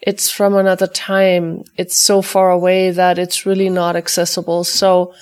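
A woman teaching an energy healing exercise for dog owners, guiding gently and repeating chant-like clearing phrases. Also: on the low side, normal speed. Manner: calm, repetitive incantation-like clearing phrases.

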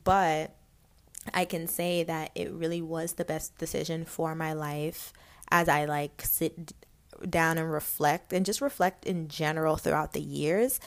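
Low-voiced woman from Guyana. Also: steady tone, unhurried. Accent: light Guyanese. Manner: chatty, candid, laughs often, many fillers. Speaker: podcast host. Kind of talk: casual personal storytelling podcast.

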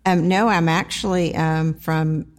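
Low-pitched woman, halting and plain-spoken. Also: steady tone. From small town in South Carolina, United States. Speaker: interview guest, food pantry organizer. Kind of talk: casual conversational storytelling.

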